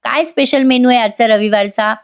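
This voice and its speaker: A woman's voice: on the high side, a little fast, clear, resonant tone. Chatty woman recapping a serial. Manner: chatty, addresses the viewers directly. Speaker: serial episode recap narrator. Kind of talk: voice-over recap, reading out character dialogue.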